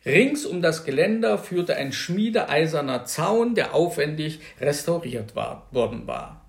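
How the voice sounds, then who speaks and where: A man reading a novel aloud, telling a first-person story in an animated way. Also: a little high, unhurried, vocal fry, roomy sound. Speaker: reader. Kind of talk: literary reading.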